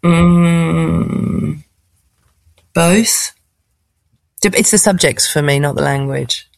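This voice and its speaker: Clean studio sound with no echo carries the deep, gravelly voice of a stand-up comedian from England who draws out her words. Speaking posh RP as an interview guest, she responds conversationally and reflectively, hesitating and searching for words as she thinks aloud.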